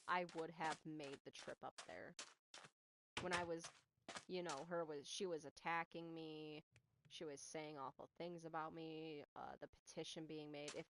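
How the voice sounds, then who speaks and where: A young woman who grew up speaking Spanish streams a game with a low-pitched voice, chatting casually and rambling with a stutter as she talks to her viewers and reacts to the game at once. Game music plays behind her amid a noisy background.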